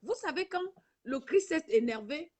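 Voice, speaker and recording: Her voice sits high and is darkish yet expressive, moving at a moderate pace as she addresses her camera on a live stream. She's emotional and preachy, repeats herself a lot, and keeps saying "ma fille"; the sound comes from her own camera.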